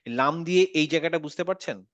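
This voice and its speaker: A man teaches an online tajweed lesson on Quran recitation, speaking quickly in a slightly high, fairly bright voice with no echo. He patiently repeats words and checks that his student is following along.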